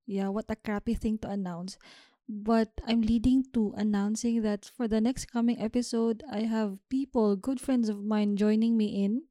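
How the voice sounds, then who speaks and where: A young woman hosts her own podcast and talks to listeners in a chatty, upbeat way. Her voice sits in a middle pitch and has a mellow, warm tone. The recording is dry and close to the mic. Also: steady tone, moderate pace, dry recording. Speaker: podcast host. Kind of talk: solo podcast talk. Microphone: home podcast mic.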